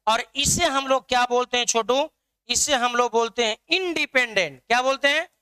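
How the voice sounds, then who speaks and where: A man's voice: very high voice, moderate pace, bright, forceful tone, smooth. A man teaching an online math lesson, drilling his students with repeated questions.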